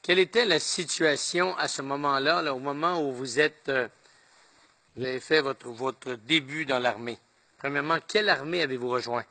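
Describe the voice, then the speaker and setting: A man questioning a witness in court, measured and formal. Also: medium pitch, pushed and bright, dry recording. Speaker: lawyer questioning.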